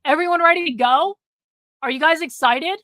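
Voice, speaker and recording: A sharp-toned, high-sitting female voice at a moderate pace belongs to a middle-aged livestream host addressing her chat casually. She speaks bluntly, swears freely, and repeats herself for emphasis as her voice goes, in a dry, studio-quality recording.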